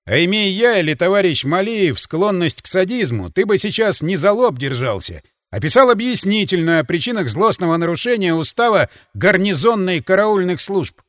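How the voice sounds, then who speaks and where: A man's voice: high voice, very animated, normal speed, few pauses, a bit bright, no room sound, studio quality. A man voicing a stern male military inspector who gives curt, clipped orders. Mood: stern commands.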